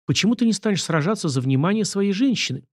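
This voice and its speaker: A man's voice: high voice, lively intonation, fast talker, no room sound, studio quality, voice pushed up. A man voicing a playful teasing woman. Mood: pleading.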